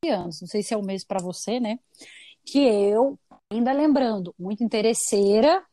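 A woman in her thirties from Brazil hosts a casual podcast chat and tells stories in an animated way, acting out what people said in shifted voices. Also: mid-range voice, moderate pace, no room sound, studio quality. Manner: animated storyteller, acts out quotes in shifted voices. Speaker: podcast host.

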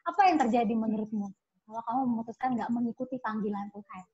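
A woman hosting a casual interview, asking questions gently with affirming murmurs. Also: on the high side, fast talker, slightly rough. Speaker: host. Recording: dull lo-fi sound.

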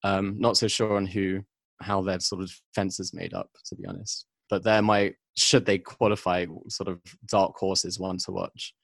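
Guy with a really deep voice, lots of ums, dry close sound. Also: little pitch movement, moderate pace, vocal fry, no echo. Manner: thoughtful, hedging, many ums. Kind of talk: casual football chat.

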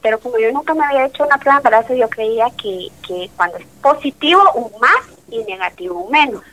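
A woman's voice: fairly high pitch, fast, low-quality recording. A woman in her late thirties, a doctor, giving an emotional faith testimony in an interview and acting out the dialogue as she tells it. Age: 30s. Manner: animated storyteller, acts out dialogue, speaks of faith.

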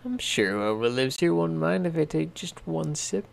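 A man's voice: fairly high pitch, lively intonation, moderate pace, creaky. A man voicing little Goldilocks, curious and chatty.

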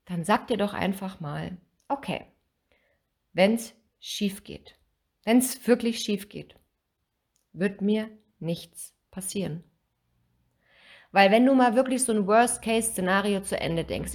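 A woman giving a motivational self-help talk, speaking directly to the listener in an encouraging way. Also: mid-range voice. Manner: encouraging, talks straight to the listener.

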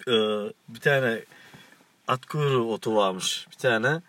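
A man's voice: medium pitch, measured pace, fairly bright tone. A man co-hosting a casual chat show, teasing, giggling and cutting in. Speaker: co-host.

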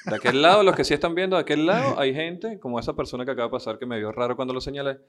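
A man who is a comedian co-hosting a casual podcast, with quick playful interjections. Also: mid-range voice, fairly bright tone.

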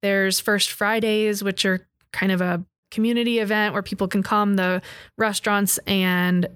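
A woman's voice: medium pitch, moderate pace, clear, resonant tone, no echo. Woman podcast co-host, dry close sound. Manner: explains ideas in a steady, conversational way. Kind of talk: casual chat.

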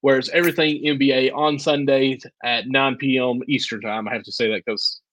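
A man's voice: medium pitch, fairly even intonation, brisk, a bit bright, no room sound, low-quality recording. A man co-hosting a casual podcast, making upbeat, joking plugs for the show. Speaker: podcast co-host.

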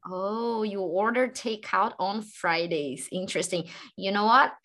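Bright-voiced woman asking curious questions. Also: mid-range voice, unhurried. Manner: curious, asks many follow-up questions. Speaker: English teacher. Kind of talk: casual conversation lesson.

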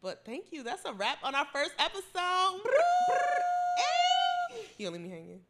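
Lively young woman podcast co-host. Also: high-pitched, normal speed. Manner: animated, laughs often. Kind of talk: casual chat.

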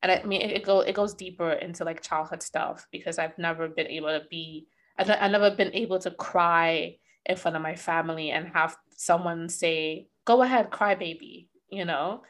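A woman's voice: fairly low pitch, steady tone, moderate pace, hardly any pauses, fairly bright tone. A woman hosting a podcast in a loose, candid conversation. She talks with easy expression, curses freely and laughs often. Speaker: podcast host.

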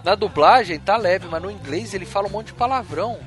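A Brazilian man recounts a film in relaxed chat, his voice pitched high and quick. He acts out the characters' lines, swears freely and laughs along, with faint music underneath. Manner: lively retelling, acting out quotes, swearing and laughing. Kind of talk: casual film recap chat.

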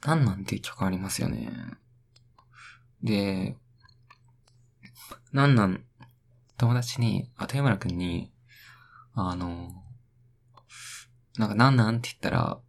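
Young guy rambling on his own radio talk, gravelly fry, keeps riffing on words. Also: deep voice, a little slow, pauses often. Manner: rambling, talks to himself, plays with words in sing-song repeats. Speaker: podcast host.

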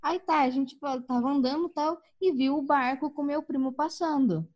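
A woman telling a personal story in a casual chat, animated and laughing, acting out the voices of the people in it. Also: high-pitched, normal speed, dull audio.

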